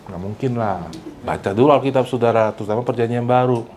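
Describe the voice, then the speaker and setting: A male pastor delivers a lively sermon, his pitch leaping high and dropping low for emphasis. He switches freely between two languages and keeps prompting the congregation to answer him. Faint ambient noise hums behind him in the church. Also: quick pace. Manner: mixes Indonesian with English phrases; animated and emphatic, with big pitch swings. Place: church service before a congregation.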